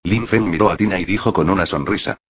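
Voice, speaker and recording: Male narrator for a translated web novel: husky, reads ellipses out literally, lo-fi sound. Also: sits low, quick pace. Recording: dull lo-fi recording.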